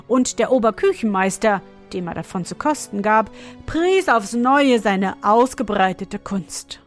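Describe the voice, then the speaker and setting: A woman narrating a fairy tale in a measured storybook reading. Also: medium pitch.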